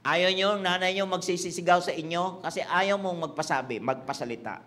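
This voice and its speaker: A man's voice: high voice, a little fast, bright, forceful tone. A man preaching a sermon, repeating his points and teasing the congregation. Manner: preaching in Tagalog-English mix, repetitive, teasing the congregation. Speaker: pastor. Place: church hall with congregation.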